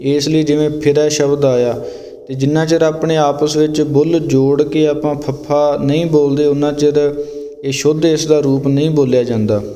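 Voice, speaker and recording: A man teaching the correct pronunciation of scripture, slowly demonstrating each word and pause. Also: on the high side, level tone, mellow, in a large hall. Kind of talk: pronunciation lesson.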